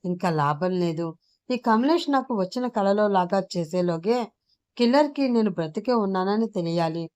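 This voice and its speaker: A woman's voice: medium pitch, lively intonation, normal speed, a little mellow, natural voice. A woman storyteller voicing a frightened young woman held captive, speaking in a trembling, pleading way. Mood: worried.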